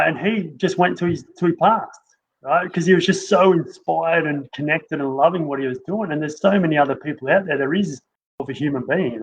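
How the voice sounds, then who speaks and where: Agreeable man on a dull lo-fi line. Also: on the high side. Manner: agreeable, musing, often ends with "right?". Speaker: interview host. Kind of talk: conversational interview. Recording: dull lo-fi sound with faint noise.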